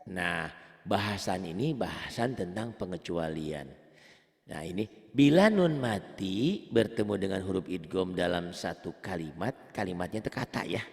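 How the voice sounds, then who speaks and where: Patient male recitation teacher, gravelly. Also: low voice, lively intonation, moderate pace, darkish tone, in a large hall. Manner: patient, repeats and quizzes the student. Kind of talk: one-on-one tajwid lesson.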